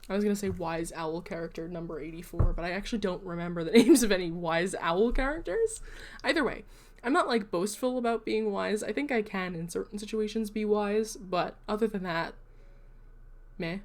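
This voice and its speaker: A woman's voice: medium pitch, normal speed, a little mellow. Chatty woman streamer rambling with asides. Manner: rambling and self-deprecating, with frequent asides; chatty and explanatory, addressing viewers. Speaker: livestream host. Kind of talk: casual livestream chat.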